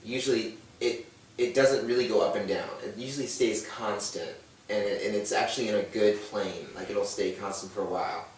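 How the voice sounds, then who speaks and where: Telling his story earnestly as a guest on a brunch panel chat show, a man acts out other people's lines. His voice runs on the low side with fairly even intonation and a slightly quick pace, recorded from a distance in an echoey room with a little hiss or hum.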